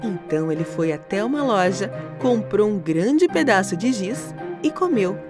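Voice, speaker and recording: A woman narrating a cartoon story for children in an expressive, animated storytelling manner. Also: mid-range voice, normal speed. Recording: narration with music underneath.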